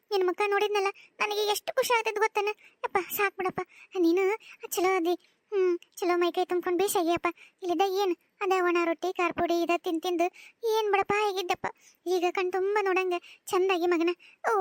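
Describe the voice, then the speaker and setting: A woman's voice: very high voice, fairly even intonation, a little fast, no echo, clean studio sound. A woman voicing a doting older village mother with a North Karnataka accent, tearful and pleading, in a cartoon. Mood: tearful joy. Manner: pleading, emotional. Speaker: voice actor. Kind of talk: cartoon voice acting.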